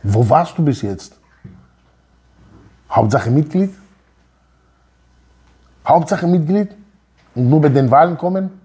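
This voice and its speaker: A man in his thirties delivers a lively, emphatic Torah lecture, his pitch leaping up and down as he fires rhetorical questions at his listeners. His voice sits somewhat high for a man and has a husky edge. He is recorded close on a lapel mic in a small office room. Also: slow, long pauses. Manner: emphatic, gesturing, rhetorical questions, mixes Hebrew words. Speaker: Torah teacher. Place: office room with wooden wall.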